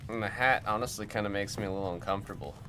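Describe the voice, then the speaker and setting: Talking very fast in a voice on the low side, this young card-break host chats casually through his livestream, working through viewer comments out loud over background music.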